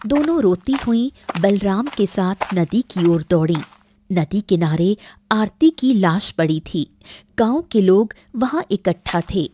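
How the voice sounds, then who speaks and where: Brief: slow woman narrator, mellow tone, dry voice-over. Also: medium pitch, lively intonation. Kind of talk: scripted story narration.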